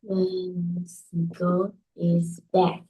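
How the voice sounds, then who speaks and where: Slow, husky, flat-voiced woman student. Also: on the low side, poor audio. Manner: terse, hesitant, quiet. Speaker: English student. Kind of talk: short answers in a lesson.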